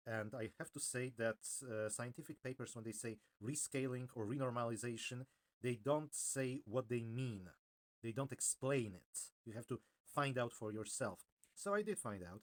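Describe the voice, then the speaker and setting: A man presenting an informal technical explainer in a hesitant, halting way, often correcting himself. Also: medium pitch. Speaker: video presenter.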